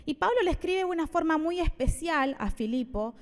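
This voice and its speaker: High-voiced woman preaching. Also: animated, a little fast, long reverb tail. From Argentina. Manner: conversational and playful, with asides to the congregation. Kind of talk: sermon. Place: church hall.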